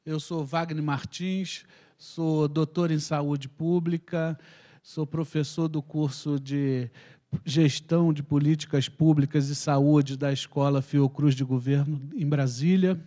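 A man in his fifties, a public health professor, introducing himself at a meeting with a handheld microphone, halting and restarting his words. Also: fairly high pitch, fairly even intonation, mellow. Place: large meeting room.

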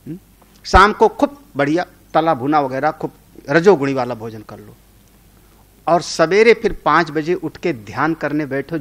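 Slow, fairly high-voiced male preacher. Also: fairly bright tone. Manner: conversational, often checking with listeners; tells homely stories. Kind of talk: sermon on scripture.

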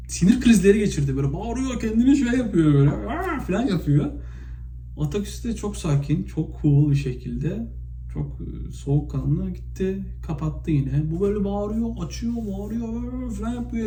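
A man from Turkey talks to his viewers in a loose, spontaneous vlog monologue, piling up fillers and acting out stories with sudden animated bursts. His voice is very dark and mellow but pitched slightly high. The room is echoey, with a faint hiss of noise behind him. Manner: chatty, animated retelling with many fillers. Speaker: vlogger.

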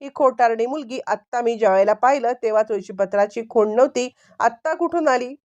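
A woman's voice: fairly high pitch, brisk, darkish tone, lo-fi sound, close to an everyday voice. A woman voicing an angry young husband who confronts his wife, in a storybook recap.

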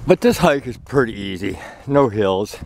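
A man talking casually while walking a woodland trail, filming from behind a handheld camera, relaxed and chatty with fillers. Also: on the low side, moderate pace, creaky, slight background noise. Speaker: hiker filming a trail walk. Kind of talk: casual vlog narration. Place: outdoors on a leafy woodland trail. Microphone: handheld camera, speaker behind it.

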